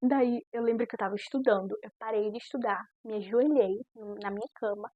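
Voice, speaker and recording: Husky-voiced young woman. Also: a little high, steady tone, fairly quick, warm tone, dry recording, lo-fi sound. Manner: earnest, chatty storytelling. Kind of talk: personal faith testimony.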